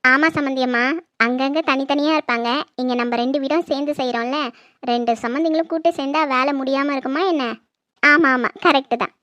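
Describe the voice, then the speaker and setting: A high, light voice in homely family chatter, acting out one relative after another. The recording is close and dry, with no room sound. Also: steady tone, brisk, pushed and bright, no room sound. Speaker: creator acting every family role. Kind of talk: comedy skit acting.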